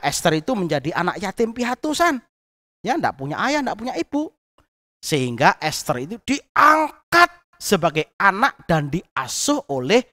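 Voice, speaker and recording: A woman teaching Sunday school, telling a Bible story to children and asking them questions. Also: mid-range voice. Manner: animated, asks the listener questions.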